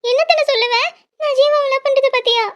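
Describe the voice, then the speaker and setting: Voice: very high-pitched, steady tone, a little fast, muffled recording. A performer voicing a young woman in a cartoon, a lovesick younger sister who pleads in distress. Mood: upset. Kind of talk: cartoon voice acting.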